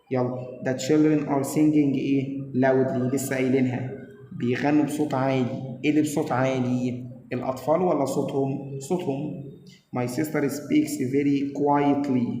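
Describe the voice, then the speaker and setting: Egyptian male English teacher, mellow tone, quizzes himself aloud, echoey classroom sound. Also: mid-range voice, a little hiss or hum. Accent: Egyptian Arabic. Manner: explains in Arabic, reads English examples slowly, asks and answers his own questions. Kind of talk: grammar lesson for middle-school students.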